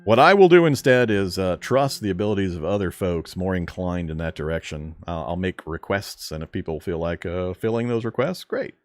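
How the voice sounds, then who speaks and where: A gaming streamer with a low-pitched, fairly strong voice chats casually and answers viewer questions while he plays. He talks fairly quickly with hardly any pauses, and the recording is dry.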